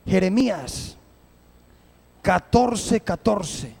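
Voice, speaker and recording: Fervent preacher man, gravelly and high. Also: lively intonation, a little mellow. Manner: fervent, with slow emphatic scripture reading. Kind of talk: live church sermon.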